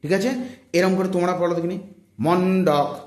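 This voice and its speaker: A man's voice: fairly high pitch, animated, normal speed, echoey room. A male teacher giving an exam-prep grammar lesson, drilling his students with repeated questions and answers. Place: room, filmed with handheld phone. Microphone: handheld phone.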